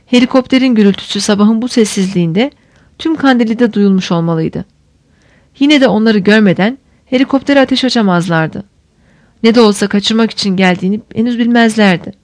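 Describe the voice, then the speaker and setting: A woman's voice: medium pitch, no room sound. Woman narrating a tense novel, dry. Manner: steady, measured storytelling. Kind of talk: scripted audiobook narration.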